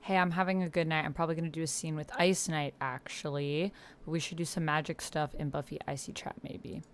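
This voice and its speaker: Speaking a little fast in a deep voice with fairly even intonation, a woman hosts a casual livestream of a text roleplay game. She reads along, reacting out loud and murmuring to herself as she types, with computer keyboard typing in the background.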